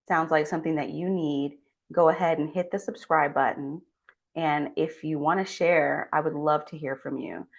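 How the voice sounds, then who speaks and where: A woman's voice: sits low, vocal fry. A woman giving a scripted motivational talk as a well-being coach, speaking earnestly and supportively straight to the listener. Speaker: well-being coach and doctor hosting a channel.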